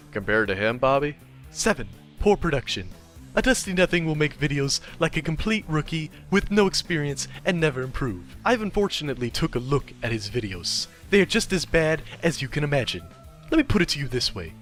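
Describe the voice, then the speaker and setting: A man's voice: a little high, fairly bright tone. A man giving a mock dramatic reading with sarcastic commentary asides, in a theatrical manner. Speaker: commentary video narrator.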